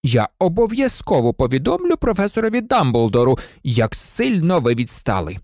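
An audiobook reader voicing a cold, sneering male professor with a slow, silky, menacing delivery. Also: medium pitch, wildly swooping pitch, darkish tone, no room sound, studio quality, voice pushed up. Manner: icy, contemptuous.

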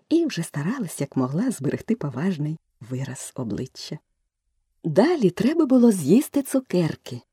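A woman narrating a children's storybook aloud with expressive, varied delivery. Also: mid-range voice, slightly rough, no room sound, studio quality.

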